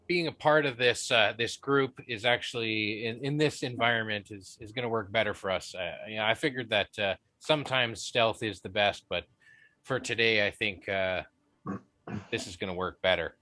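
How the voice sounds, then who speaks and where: Male player, bright tense tone, halting delivery, dry sound. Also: lowish voice, no echo. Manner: halting, full of fillers. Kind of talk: tabletop role-play banter.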